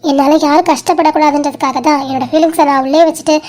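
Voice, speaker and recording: A heartbroken young woman in a cartoon voiced by a performer speaks. She talks softly and haltingly through tears and pleads. She stays stubborn about her hurt. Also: high voice, fairly even intonation, close to an everyday voice. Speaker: animated series character. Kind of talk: dramatic cartoon dialogue.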